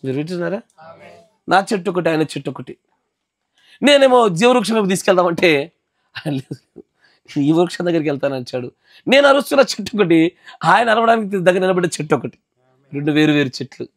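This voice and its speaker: A man's voice: high voice, lively intonation, brisk, creaky, long pauses, dry recording, studio quality. A male pastor giving an emphatic sermon at a house gathering, often checking that his listeners follow.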